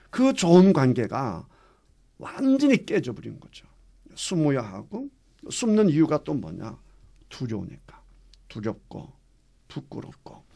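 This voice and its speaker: A man's voice: fairly high pitch, gravelly, a little mellow. A male pastor teaching a Bible class, asking the class questions and acting out quotes. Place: church classroom.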